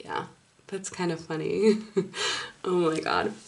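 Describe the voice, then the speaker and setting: This tarot reader is a native Finnish speaker from Finland with a Finnish accent, giving a casual card reading. She searches for words in a hesitant, apologetic way. Her voice is lowish, steady in tone, slow and creaky.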